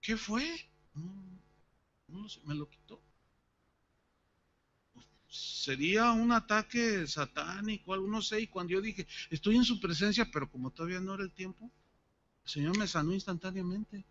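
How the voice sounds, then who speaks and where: A pastor preaches at a church service, bringing a personal story to life by acting out its dialogue. His voice sits high and bright. The recording is a little dull, with a faint hum underneath. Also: normal speed, pauses often.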